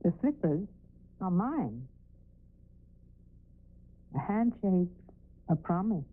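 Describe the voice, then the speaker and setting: Lively, insistent fantasy heroine. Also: female voice, fairly low pitch, slow pace, slightly rough, heavily acted. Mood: firm. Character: determined, unyielding heroine reclaiming what is hers. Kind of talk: TV fantasy drama acting. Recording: tinny old TV broadcast with music.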